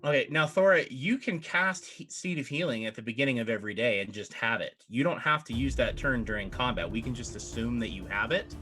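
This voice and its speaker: A man's voice: mid-range voice, brisk, few pauses, bright, forceful tone. Male game master with music behind. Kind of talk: tabletop game narration and rules explanation.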